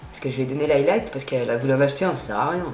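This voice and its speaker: A woman's voice: very deep voice, very fast, a little mellow. Slangy, chatty woman in an echoey room. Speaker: beauty vlogger. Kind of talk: casual makeup tutorial chat. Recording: roomy echo.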